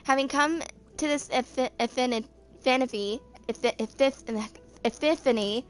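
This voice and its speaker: A video creator in her twenties reads game character lore aloud in an amateur narration, occasionally stumbling over words. She speaks in a high voice at a moderate pace.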